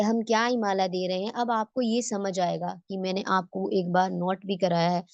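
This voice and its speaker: A woman's voice: medium pitch, darkish tone, dry recording. A woman teaching tajweed online in a patient, explanatory way, posing questions and answering them herself. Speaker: Quran recitation teacher.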